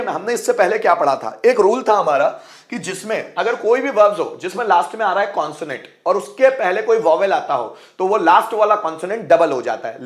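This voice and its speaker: A man with a fairly high voice teaches English verb forms while speaking in Hindi. He repeats each example word aloud and keeps asking his viewers questions as he goes. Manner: repeats words aloud and asks the class questions. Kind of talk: explaining grammar rules in Hindi.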